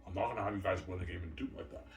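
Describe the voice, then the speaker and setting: This man in his thirties, a channel host, talks in a low-pitched, rapid-fire stream, bragging casually as he rambles on. "Right?" and "obviously" get tagged onto his claims. Faint noise comes through a mic set at a distance.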